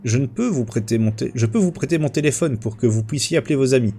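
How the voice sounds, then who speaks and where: A man voicing a village man who guards the well and calmly, apologetically refuses water. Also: mid-range voice, fast, soft background music, natural voice. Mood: firm. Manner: calm, apologetic explaining.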